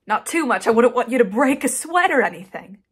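A woman's voice: a little high, expressive, brisk, slightly rough. A young woman playing a headstrong daughter in an emotional, insistent dramatic monologue addressed to her mother. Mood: sarcastic. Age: young adult. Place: small indoor room, plain wall.

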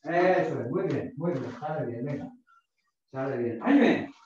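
Indoors in a small home dojo with mats, a middle-aged man coaches a karate class, barking counts and terse drill commands. His mid-range, darkish voice is animated yet measured in pace. The far camera across the room yields a distant, echoey, dull recording with faint noise.

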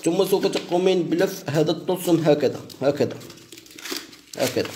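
A man from Morocco, a sheikh, giving slow step-by-step instructions and repeating each phrase as he dictates. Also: on the high side, background noise. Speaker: sheikh teaching a ritual.

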